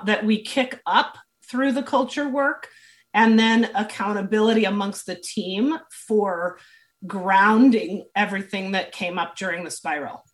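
A woman at an everyday middle pitch explains her team work in an earnest, searching way. Her voice is worn and close to going. She circles back with restarts and fillers as she thinks. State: losing her voice. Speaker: leadership and team consultant, guest. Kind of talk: conversational interview answers.

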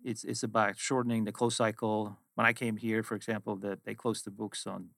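This middle-aged man from Sweden, whose first language is Swedish and whose accent is Swedish, is a finance executive telling reflective stories about his work as a casual interview guest. His fairly low voice is creaky and a bit bright, delivered flatly and briskly, in studio quality with no room sound.

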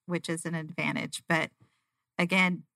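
Female guest, casual and enthusiastic explainer, crisp forceful tone on the low side, dry sound. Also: level tone, a little slow, dry recording. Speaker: auditor, interview guest. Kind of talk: casual conversation.

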